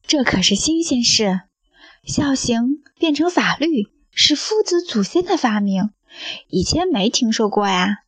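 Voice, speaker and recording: Soft wondering young disciple, slow, slightly high, dry, as a woman narrator does him. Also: very animated, husky, no echo, heavily acted. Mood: pondering. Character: skeptical pondering young male disciple.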